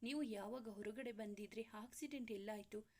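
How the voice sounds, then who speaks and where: A woman's voice: a little high, normal speed, darkish tone, a little hiss or hum, natural voice. A woman voicing a distraught young man. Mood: pleading. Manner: urgent, pleading questions. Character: young man, anxious and tender son.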